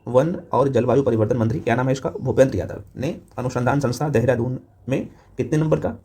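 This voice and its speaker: Male exam tutor, fast-paced and a bit husky, informal, matey, peppering the lecture with quick check-in questions. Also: mid-range voice, steady tone, mellow. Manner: rapid-fire delivery peppered with short check-in questions. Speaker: teacher of a current affairs exam class. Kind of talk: fast revision lecture to camera.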